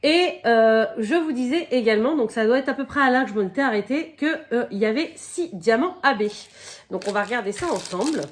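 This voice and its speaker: A woman chatting casually through an unboxing, her voice a little croaky from a cold, filling pauses with "donc" and "euh" and stopping now and then to cough. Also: fairly high pitch, expressive. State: has a cold, slightly croaky voice. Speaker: crafting vlogger.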